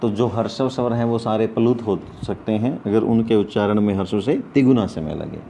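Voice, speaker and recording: A man teaching an online Sanskrit class, slowly listing sounds and posing questions to his students before answering them himself. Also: lowish voice, vocal fry, dark tone, a little hiss or hum. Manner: slow, repetitive, asks questions then answers them.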